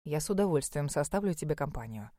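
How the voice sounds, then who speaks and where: A woman voicing a stern, brooding young husband who speaks low, firmly and measured. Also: expressive, mellow, dry recording, clean studio sound.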